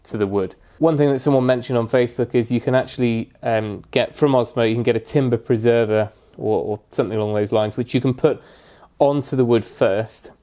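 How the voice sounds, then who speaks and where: A man casually narrating a woodworking restoration project in a kitchen, talking through his steps in a relaxed, practical way with frequent pauses and fillers. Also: mid-range voice.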